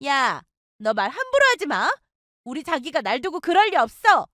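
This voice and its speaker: Jealous gloating young woman, put on by a woman narrator, high needling voice, dry close sound. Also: sing-song, moderate pace, pushed and bright, dry recording, exaggerated voice. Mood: taunting. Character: jealous, taunting young woman, a former friend. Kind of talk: storytelling with acted dialogue.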